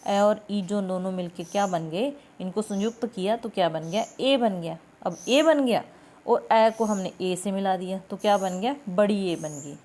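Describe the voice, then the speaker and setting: A woman's voice: mid-range voice, normal speed, darkish tone. A young woman teaching an exam-prep grammar lesson. She explains step by step, keeps asking the class quiz-like questions, and stretches out the sample vowel sounds.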